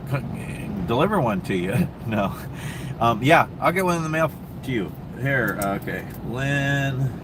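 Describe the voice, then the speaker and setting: This livestream host, a man with a Minnesota accent and a medium-pitched voice, rambles easily through viewer questions with lots of ums and false starts. He's at a truck stop, where traffic and air conditioning make the background noisy.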